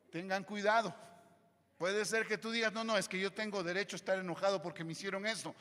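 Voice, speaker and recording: A male pastor preaching a sermon, switching between loud emphatic lines and quiet low asides. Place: church hall. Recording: long church hall reverb.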